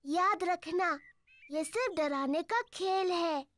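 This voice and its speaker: A very high, bright little girl piglet in a kids' cartoon. She is cheerful and bossy, exclaiming in a childlike way and speaking slowly and clearly. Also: exaggerated voice. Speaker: cartoon voice actor.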